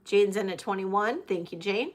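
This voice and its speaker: A woman's voice: medium pitch, normal speed. A middle-aged woman working as a casual auctioneer on a live sale, chatting and addressing bidders by name.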